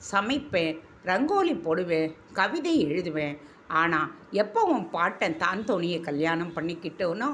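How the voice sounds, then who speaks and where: A woman's voice: fairly low pitch, a bit bright, slight background noise. A woman voicing a grieving elderly grandmother who is locked away, speaking in a tearful, pleading, affectionate way.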